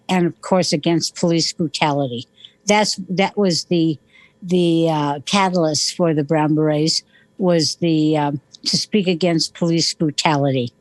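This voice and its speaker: A woman guest on a radio interview who speaks haltingly, filling her pauses with many uhs. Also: on the low side, darkish tone, dry recording. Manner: halting, full of uh fillers.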